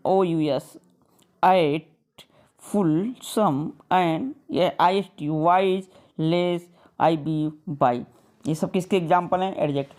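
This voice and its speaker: A woman teacher giving a grammar lesson. She drills lists of words, reads the rules out slowly word by word, and keeps checking with "clear?". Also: fairly low pitch, darkish tone. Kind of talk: grammar lesson, mixing Hindi and English.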